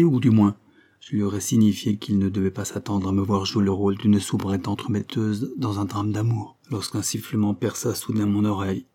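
Male audiobook narrator, low mellow voice, measured literary reading. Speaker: audiobook reader. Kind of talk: scripted narration of a classic novel.

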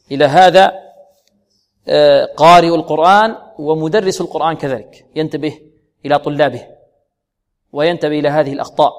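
A man teaching Quran recitation, slowly drilling pronunciation syllable by syllable and quizzing his students. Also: on the high side. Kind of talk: tajweed lesson. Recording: long reverb, echoey hall.

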